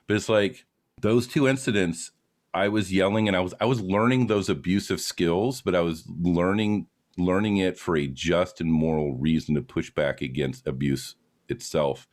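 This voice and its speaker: Very deep-voiced, blunt, swearing man. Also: normal speed. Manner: blunt, profane, grows loud when worked up. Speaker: podcast guest, former aircraft mechanic. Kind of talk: casual storytelling.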